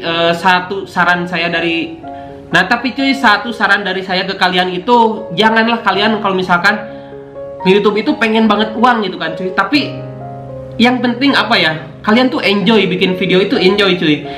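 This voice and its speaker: In an echoey room with guitar music in the background, a young man with a high-pitched voice talks at normal speed. He's a motovlogger YouTuber doing a casual unboxing of his motorbike vlogging gear to camera, full of slang, fillers and repeated "cuy."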